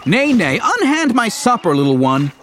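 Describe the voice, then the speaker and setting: An actor playing an earnest, exasperated young hero in Shakespearean verse, declaimed like a hammy stage performer. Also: male voice, medium pitch, very animated, slow pace, background noise. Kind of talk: dramatic Shakespearean verse reading.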